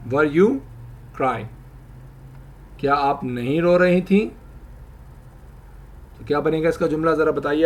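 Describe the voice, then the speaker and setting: A man teaching English grammar, explaining slowly and repeating example sentences. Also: a little high. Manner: addresses viewers, asks them to try. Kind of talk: spoken language lesson.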